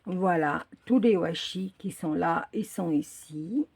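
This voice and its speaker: Woman w braces n sore mouth doing a chatty craft unboxing, soft mellow voice, kinda hesitant, tries hard to articulate. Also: fairly low pitch, slow, creaky, husky. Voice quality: speech slightly impeded by braces and mouth sores. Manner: hesitant, searching for words, effortful articulation. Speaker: craft video creator. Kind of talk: casual unboxing chat.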